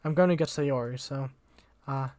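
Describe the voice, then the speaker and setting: A man's voice: mid-range voice, normal speed, darkish tone, dry recording. A young man reading a visual novel aloud as the channel host, casual and slangy, tripping over words now and then.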